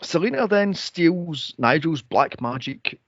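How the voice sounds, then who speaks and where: In this lo-fi, echo-free clip, a podcast co-host with a fairly high voice talks slowly but animatedly about movies. Sarcastic and exasperated, he curses freely and mimics scenes in exaggerated voices as part of a relaxed review conversation.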